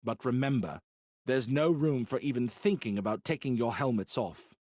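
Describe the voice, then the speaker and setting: Man doing a calm, steady expedition leader. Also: mid-range voice, moderate pace, no room sound, studio quality, close to an everyday voice. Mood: earnest. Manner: steady, explanatory, earnest.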